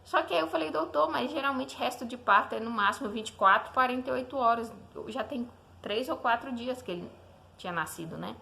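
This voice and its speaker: A young woman shares a personal faith testimony about her newborn son, speaking casually and directly to the listener. She often checks in with a questioning "né?" as she goes. Her voice sits slightly higher than average. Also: animated, fairly quick, creaky, bright, forceful tone. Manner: conversational, often asks the listener "né?". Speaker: mother telling her baby's story.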